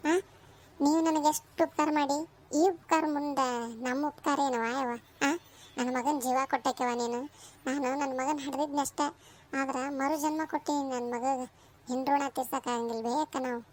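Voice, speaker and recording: A woman voicing a warm, chatty village mother with a North Karnataka accent, scolding and affectionate by turns, in a cartoon. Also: sits high, fairly even intonation, brisk, lightly acted. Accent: North Karnataka Kannada. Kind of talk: cartoon voice acting.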